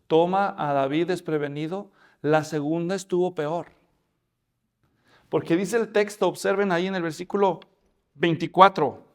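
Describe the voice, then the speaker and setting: High-voiced pastor preaching. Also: male voice. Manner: animated storytelling, addressing listeners as brothers. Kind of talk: sermon.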